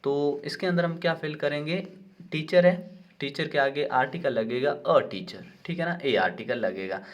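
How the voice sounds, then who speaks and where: A young man teaching, working through an exam paper step by step, reading each question slowly and checking in with the listener often. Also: on the high side. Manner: explains step by step, reads English questions out slowly, says "ठीक है" often. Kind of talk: exam paper walkthrough lesson.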